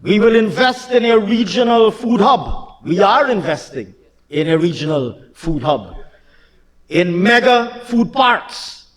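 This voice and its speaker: A man speaking in a notably high voice gives a slow, deliberate parliamentary speech. He declaims, repeats lines for emphasis and often raises his voice to a shout. The sound carries a long echo from the chamber. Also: expressive. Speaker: government minister addressing parliament.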